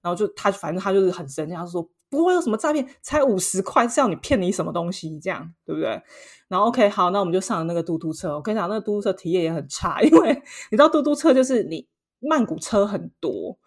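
Animated Taiwanese woman telling stories. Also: fairly low pitch, fast. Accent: Taiwanese Mandarin. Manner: animated, acts out quotes, laughs often. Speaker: podcast co-host. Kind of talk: casual chat, storytelling.

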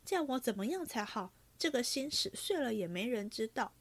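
A woman reading aloud and voicing a moody, indulgent young nobleman in her own fast, fretful voice. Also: on the high side, very animated.

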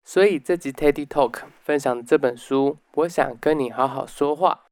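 A man hosting a book summary talk, explaining step by step and dropping in soft "oh" particles. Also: a little high, moderate pace, clean tone, dry recording, clean studio sound. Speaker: podcast host.

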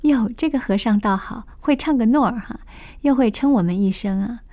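Gossipy female demon servants, as a woman storyteller puts them on, coaxing and a little high. Close, dry radio-story sound. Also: normal speed, mellow, no echo, lightly acted. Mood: amused. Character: two scheming female demon water-carriers.

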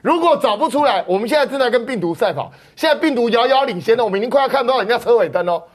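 A woman's voice: on the high side, lively intonation, racing. A woman with a Taiwanese Mandarin accent, a guest on a political talk show, speaking urgently and pleadingly. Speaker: guest doctor.

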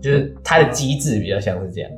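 A man's voice: mid-range voice, expressive, fast, soft background music. A young man, chatting casually and explaining things at length with hesitant fillers. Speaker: podcast co-host, student. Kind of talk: casual chat.

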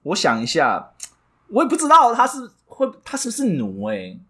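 Taiwanese guy on a podcast, husky voice, pitch jumps all over while he tells a story and jokes. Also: moderate pace. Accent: Taiwanese Mandarin. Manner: animated storytelling, jokey, stumbling restarts. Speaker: podcast co-host. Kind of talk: casual comedic chat.

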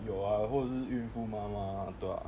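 Low-voiced Taiwanese man, stammering chat. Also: fairly even intonation, fairly quick, a crowd in the background. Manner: stammering, repeats words. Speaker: podcast co-host. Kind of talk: casual chat.

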